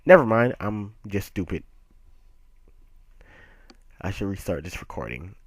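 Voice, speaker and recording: A man with a fairly low voice talks through a comic chapter in a loose, unscripted way. He gets excitable, swears freely and laughs at his own slips. The sound is dry and close, with no room echo. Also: a little slow, breathy edge. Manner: excitable, swears, laughs at himself, self-corrects. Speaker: manga chapter reviewer. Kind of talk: casual unscripted review commentary.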